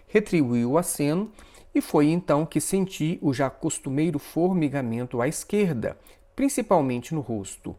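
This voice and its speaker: A man narrating a first-person story in an expressive, dramatic way. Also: fairly high pitch.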